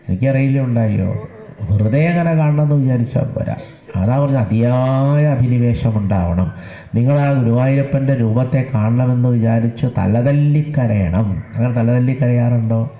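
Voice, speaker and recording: A man giving a devotional discourse at a temple. He asks his listeners questions and answers them himself, chants verses slowly and repeats words for emphasis. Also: medium pitch, dark tone. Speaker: religious discourse speaker. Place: temple gathering. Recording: echoey temple hall.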